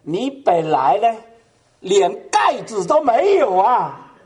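A man voicing Jesus gently consoling a believer in a retold dream, speaking slowly and tenderly. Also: sits high, wildly swooping pitch, slightly rough, heavily acted.

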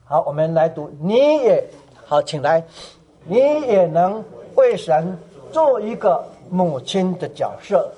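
A man preaching a sermon in a high voice that climbs and falls with wide swings. He keeps turning to his listeners with questions. When he quotes others, he drops into a soft, hushed tone. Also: takes it slowly, breathy edge, dull audio. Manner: animated, asks the congregation questions.

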